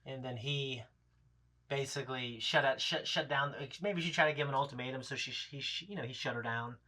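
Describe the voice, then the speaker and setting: This is a man in his thirties hosting a reaction show, chatting casually about an episode. His mid-range voice is brisk, pushed and bright, and his talk rambles bluntly with plenty of profanity.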